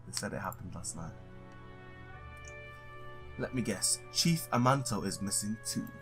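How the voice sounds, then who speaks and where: A man in a let's play reads a visual novel aloud over music, his lowish voice unhurried and lively in intonation. He drops in casual asides and stumbles over the text from time to time.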